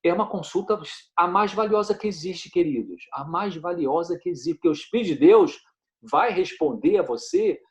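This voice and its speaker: Earnest Brazilian man, higher voice. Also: lively intonation, moderate pace, dull audio. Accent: Brazilian Portuguese. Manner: earnest, addresses listeners as dear ones, many "né?" tags. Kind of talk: sermon-like talk to an online audience.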